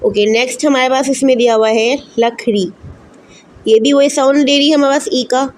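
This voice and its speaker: A woman teacher with an Urdu-speaking Pakistani accent leads a recorded lesson for first graders, in a somewhat high voice. She sounds out each letter slowly and then says the whole word. A faint hiss of noise runs behind her. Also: steady tone. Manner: spells words slowly letter by letter, then reads them whole.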